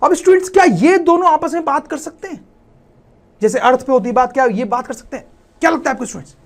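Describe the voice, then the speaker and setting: A man's voice: extremely high pitch, fast talker. A man teaching a school science lesson over slides. He keeps calling out to his students and asking them questions he answers himself, mixing English terms into his explanation. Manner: keeps addressing "students" and asks rhetorical questions.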